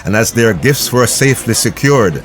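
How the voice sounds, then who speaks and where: A man giving scripted documentary narration in a measured, formal way. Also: medium pitch, animated.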